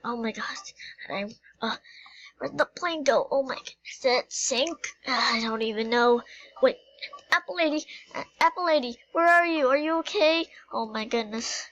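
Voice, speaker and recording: A flustered coyote pilot who stammers and rambles, filling every gap with ums and likes, as a woman plays him in a homemade animal skit. The voice sits a bit high for a woman. It keeps tripping over its own words. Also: normal speed, fairly bright tone, lo-fi sound. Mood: panicked. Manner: stammering, rambling, filler-heavy.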